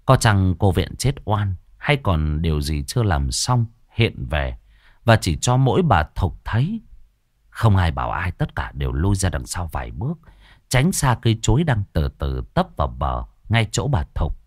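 A man's voice: low-pitched, sing-song, normal speed, no room sound, clean studio sound. A man narrating a village horror story in a dramatic, ominous way.

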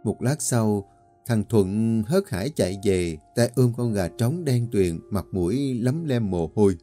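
Male horror narrator, low warm voice, steady dramatic read. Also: measured pace, soft background music. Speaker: storyteller. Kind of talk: scripted horror story narration.

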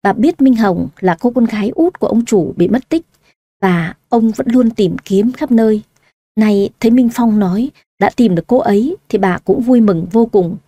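A woman narrating a story audiobook-style with a steady, even reading. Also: mid-range voice, no echo.

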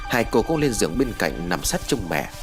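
A man narrating a ghost story from a script in an expressive, dramatic way. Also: fairly low pitch, normal speed. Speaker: audiobook narrator. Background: background music.

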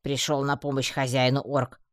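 A man's voice: medium pitch, normal speed, no echo, clean studio sound. Man narrating an audiobook dryly. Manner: even, first-person storytelling. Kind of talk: scripted narration.

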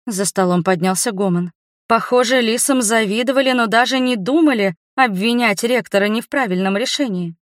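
A woman narrating a fantasy novel in the first person, with lively, ironic storytelling. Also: a little high, a little fast, dry recording, clean studio sound. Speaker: audiobook narrator.

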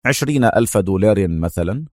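A man voicing a calm, mocking crime boss who talks slowly, low and coolly menacing. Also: no echo, clean studio sound, close to an everyday voice.

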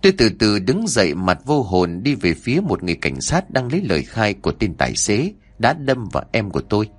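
A man's voice: on the low side, big pitch swings, a little fast, husky. A man narrating a horror story in a dramatic storytelling manner.

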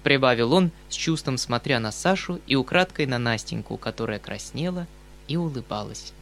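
Мужчина читает аудиокнигу, выразительно и живо ведя повествование. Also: male voice, medium pitch, normal speed. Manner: expressive, animated reading. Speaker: audiobook narrator. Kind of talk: literary audiobook reading.

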